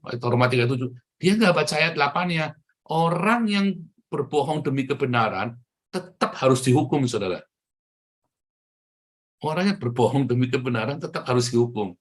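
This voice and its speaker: Husky-voiced man preaching conversationally. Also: mid-range voice, expressive, moderate pace. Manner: conversational preaching, often turns to the congregation directly. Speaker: pastor. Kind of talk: sermon.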